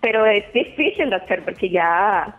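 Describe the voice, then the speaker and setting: A woman from Mexico calling in to a radio show, excited and hesitant, slipping into English words. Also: mid-range voice, moderate pace, faint music behind. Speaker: caller. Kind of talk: phone call to radio show. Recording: tinny phone line.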